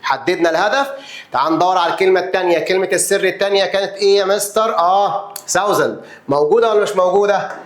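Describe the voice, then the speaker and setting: A man's voice: high voice, very fast, echoey room. A man with an Egyptian Arabic accent teaching a math lesson, counting places aloud and answering his own questions as if he were the pupil.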